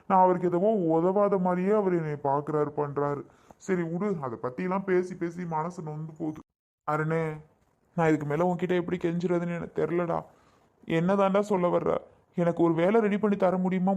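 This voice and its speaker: A man doing a jobless family man in a drama skit, pleading and complaining, high voice. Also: fairly even intonation, fairly quick, darkish tone, highs cut off. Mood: aggrieved.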